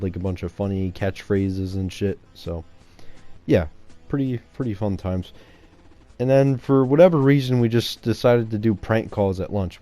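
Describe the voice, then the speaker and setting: A man's voice: sits low, mellow. A man in his twenties casually telling a story on his channel, rambling and swearing freely. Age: 20s. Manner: rambling, profane, laid-back. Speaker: YouTuber.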